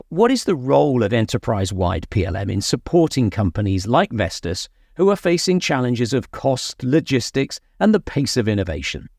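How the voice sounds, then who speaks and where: A man's voice: mid-range voice, gravelly, no echo, clean studio sound. A man hosting a show, presenting scripted introductions and questions to a guest expert. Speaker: podcast host.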